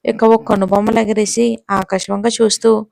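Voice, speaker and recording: A woman's voice: mid-range voice, little pitch movement, moderate pace, gravelly, no room sound. A woman narrating a romantic audio story and reading all the characters' lines herself. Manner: reads all characters' lines, rising louder for angry men.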